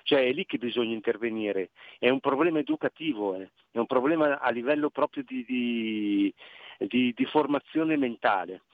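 A man's voice: mid-range voice, very animated, normal speed, dry recording. Man calling in over a tinny phone line. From Milan, Italy. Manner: hesitant, repeats words while searching for them. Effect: heard over the phone. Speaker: radio call-in listener. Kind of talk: casual call-in chat.

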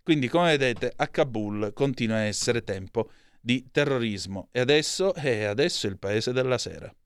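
A man's voice: medium pitch, animated, moderate pace, smooth, dry recording, studio quality. A man hosting a live radio press review, reading headlines with hesitations, self-corrections and asides. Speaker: radio news host.

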